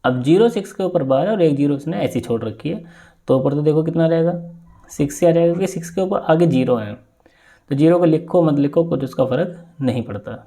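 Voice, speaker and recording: Guy teaching maths for exams, mellow voice, keeps checking u got it. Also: on the high side, brisk. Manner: steady step-by-step explaining with frequent check-in questions. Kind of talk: exam-prep maths lesson.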